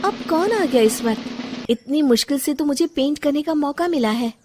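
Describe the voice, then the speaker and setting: A woman voicing a young, frustrated daughter-in-law who dreams of painting, with a sharp, resentful way of talking. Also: high voice, lively intonation, normal speed, soft background music, voice pushed up. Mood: annoyed. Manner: sharp, resentful, then tearful.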